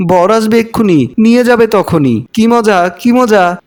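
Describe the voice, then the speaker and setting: A man's voice: sits high, lively intonation, normal speed. A man voicing a childlike, mentally ill young woman who chants in a singsong way. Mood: playful.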